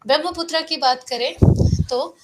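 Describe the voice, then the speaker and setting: A woman teaching an online geography class, feeling unwell and low on energy, who explains step by step, asks her own questions and then answers them, and keeps checking in with her students. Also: moderate pace, heavy background noise. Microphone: close microphone.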